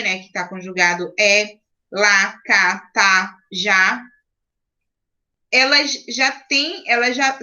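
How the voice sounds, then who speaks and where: Bright-voiced Brazilian teacher on a lo-fi call. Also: female voice, fairly high pitch. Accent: Brazilian Portuguese. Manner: patient, explains step by step, checks in often. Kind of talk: online class teaching. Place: home, on a video call. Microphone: video call. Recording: lo-fi video call audio.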